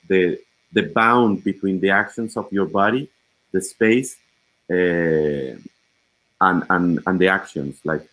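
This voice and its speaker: A man hosting an online performance event, halting and repeating words as he talks. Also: sits low, a bit bright, low-quality recording. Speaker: host. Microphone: video call.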